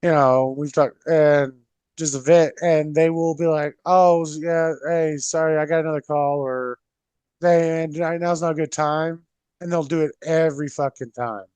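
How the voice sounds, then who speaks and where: A man's voice: steady tone, moderate pace, a little mellow, clean tone, dry recording. A man chatting on a podcast, blunt and full of swearing, mimicking other people as he talks. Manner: blunt, profane, swings his pitch mimicking others. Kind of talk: casual chat.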